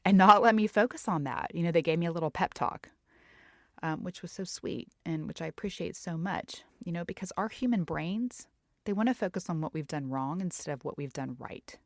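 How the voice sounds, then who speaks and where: A woman's voice: fairly low pitch, fairly quick, a bit bright, no room sound, clean studio sound. A middle-aged woman hosting a faith-based health podcast, talking candidly and reflectively with casual fillers. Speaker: podcast host and health coach.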